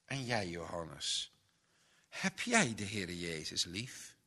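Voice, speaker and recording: A kind, pious aunt in a children's storybook, asking soft and gentle questions, as a man puts her on. The voice is slow and bright, with a long echo behind it. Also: deep voice, very animated, pitched below the performer's own voice, full character voice. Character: kind, pious old aunt telling stories.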